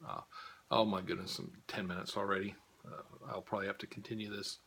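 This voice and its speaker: An older man with a fairly low, bright voice chats to his viewers in a loose, rambling way. He chuckles often and fills pauses with uh's. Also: flat delivery, gravelly, breathy edge. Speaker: vlogger giving a health update. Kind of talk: casual spoken update to viewers.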